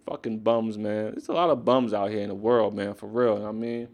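Gravelly-voiced man ranting profanely. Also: on the low side, a little fast, dull audio. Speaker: podcast host. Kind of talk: casual sports rant.

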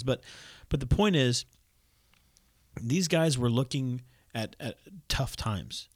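A man's voice: medium pitch, no echo, clean studio sound. Rambling man in casual faith talk. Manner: rambling, self-correcting, laughs at himself. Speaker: podcast co-host.

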